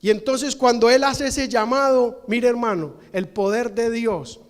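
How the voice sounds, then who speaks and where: A man's voice: very high-pitched, unhurried. A man preaching a sermon as pastor, retelling a story dramatically with acted-out quotes. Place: church hall. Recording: long hall reverb.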